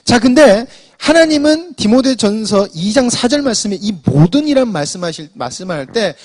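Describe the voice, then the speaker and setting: A high-pitched man with big swings in pitch preaches an afternoon sermon at a moderate pace. He explains scripture to the congregation, repeatedly starting over with "so" to move on and calling out "자" to them often.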